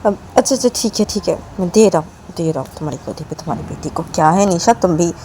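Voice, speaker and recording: A woman voicing a stubborn middle-aged father who talks loudly and won't give in. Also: fairly low pitch, expressive, quick pace, a little hiss or hum, lightly acted. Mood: giving in. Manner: loud, stubborn.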